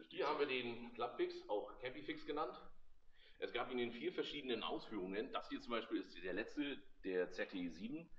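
A man's voice: medium pitch, a bit bright. A man, giving a casual, wry guided tour of a collection in a large hall. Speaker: club member presenting a vehicle collection. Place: large indoor exhibition hall. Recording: slightly dull, lo-fi sound.

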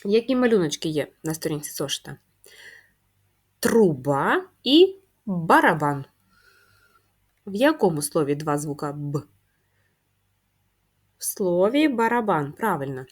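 A woman teaches young children to write a letter. She speaks in a low voice at a very slow, patient pace. She asks questions and answers them herself. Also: big pitch swings, slightly rough. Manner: patient, drawn-out, answers her own questions. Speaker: primary school teacher. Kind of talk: slow, clearly spelled-out handwriting lesson.

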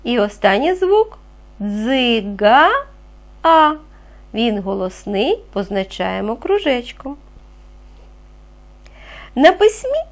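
A woman teaching a reading lesson to young children, speaking clearly and patiently, asking them questions as she goes. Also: a little high. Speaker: primary school teacher.

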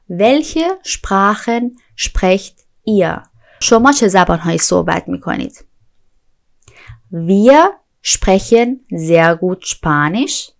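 A woman from Iran teaches an online language lesson in a voice of middling pitch. She explains things briskly and then slows right down to say each new word twice, clearly and with care.

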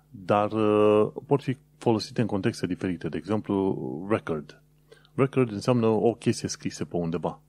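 Deep, mellow Romanian podcast host. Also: male voice. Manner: explanatory, conversational, with frequent hesitation fillers. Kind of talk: casual solo podcast talk with practical tips.

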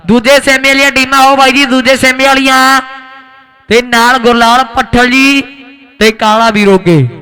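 Male kabaddi announcer, Malwai Punjabi accent. Extremely high, sharp voice, rousing live delivery aimed at getting people going. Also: fairly even intonation, moderate pace. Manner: rousing, calls to the crowd. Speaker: kabaddi commentator. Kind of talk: live sports commentary with folk couplets. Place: outdoor village tournament ground.

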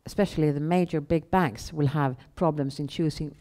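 A middle-aged woman with a Swedish accent, answering questions on stage in a measured, halting way with pauses. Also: low voice, fairly even intonation, warm tone. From Sweden. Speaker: guest, bank founder and chief executive. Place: indoor event room on a small stage. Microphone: headset.

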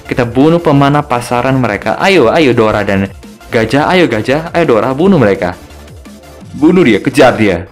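Young man, gaming commentary, joking and chatty, very lively pitch, middle-pitched voice. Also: fairly quick, faint music behind. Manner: chatty and joking, ends phrases with tag words. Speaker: gaming video host. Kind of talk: casual gameplay commentary.

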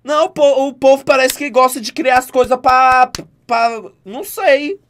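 A man's voice: very high-pitched, fairly even intonation, measured pace, fairly bright tone, a little hiss or hum. A man with a Brazilian Portuguese accent chatting casually on a live stream, complaining in a dramatic, teasing way with some swearing, on a desk mic. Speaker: streamer reacting to clips.

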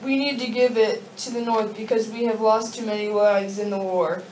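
In an amateur puppet show, a young woman voices a sock-puppet Confederate leader acting as a commanding interviewer, stiffly reciting a script in a grave, commanding mood. Her voice is fairly high yet darkish and close to everyday, steady in tone and moderate in pace. She's off-mic in a very echoey darkened room with a projection screen, puppeteers low at the front, distant mic pickup and faint noise.

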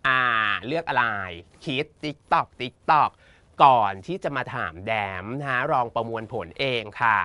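A man with a Thai accent teaching an English exam lesson in a playful, teasing, campy way, reading the English options slowly. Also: medium pitch, bright, forceful tone, dry recording. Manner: campy, teasing, uses feminine polite particles.

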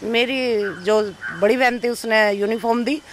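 An actress being interviewed, telling an emotional personal story and acting out what others said. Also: female voice, on the high side, steady tone, moderate pace, slight background noise. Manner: recounts events by acting out others' speech.

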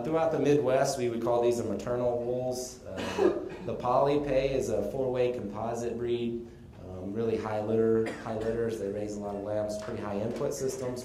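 A man from Texas gives a casual conference presentation, explaining things in a relaxed way with the odd chuckle. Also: mid-range voice, a little hiss or hum. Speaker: conference speaker on sheep breeding. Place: conference room. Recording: echoey conference room, faint ambience.

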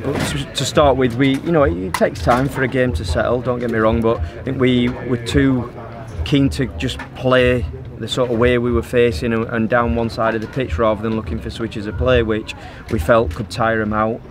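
Post-match, a middle-aged man, the team's football manager, is interviewed outdoors on the pitch and answers steadily, evenly and in a measured tone with frequent filler words. Behind him is crowd noise, and the mic is a phone held by the interviewer.

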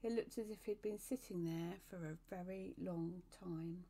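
A woman as storyteller, reading a novel aloud in a steady, even narration. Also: fairly low pitch, moderate pace, gravelly.

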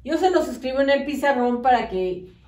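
A woman teacher, dictating to young children slowly and patiently, spelling words out syllable by syllable. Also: high-pitched, expressive, a little mellow, distant mic. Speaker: primary school teacher. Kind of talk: slow, patient classroom dictation. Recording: echoey room, voice off-mic.

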